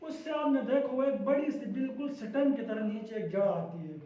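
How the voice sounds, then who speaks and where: A man's voice: very high voice, moderate pace, warm tone. A male teacher runs a classroom lesson, drilling his students with repeated questions and repeating their answers back to them. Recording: echoey, distant, dull lo-fi room sound.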